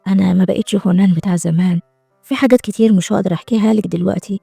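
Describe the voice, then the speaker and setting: A woman drops her voice to play a young millionaire in a drama recap, protective and quietly intense, with an Egyptian Arabic accent. His lines come out low, soft and gravelly, and he talks fast. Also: steady tone, no echo, clean studio sound, soft background music. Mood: tender.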